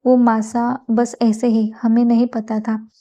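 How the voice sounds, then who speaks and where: A woman's voice: a little high, level tone, slow pace, dark tone. A woman reading a bossy young royal husband. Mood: innocent. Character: young male royal husband, teasing, domineering.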